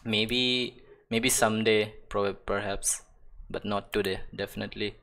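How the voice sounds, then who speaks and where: Painting on a live stream, this man talks in a low, steady, creaky voice at a measured pace. The digital artist rambles, cuts himself off, laughs and curses often, and trails away into soft mumbles to himself.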